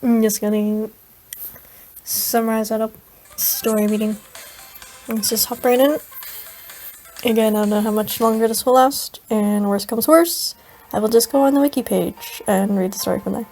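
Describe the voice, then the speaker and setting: A woman's voice: on the high side, fairly even intonation, normal speed, pauses often, darkish tone, soft background music, rough recording. A woman making casual, self-deprecating asides while reading a game story aloud. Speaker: story reader.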